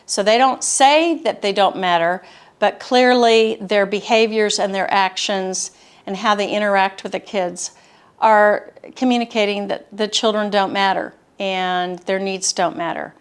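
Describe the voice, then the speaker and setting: A woman therapist giving a calm, steady, explanatory talk about childhood experiences. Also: medium pitch, a little slow, clean tone. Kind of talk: educational talk to camera.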